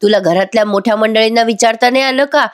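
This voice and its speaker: A woman's voice: medium pitch, moderate pace, lightly acted. A woman voicing a furious scolding mother. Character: angry, proud middle-aged mother.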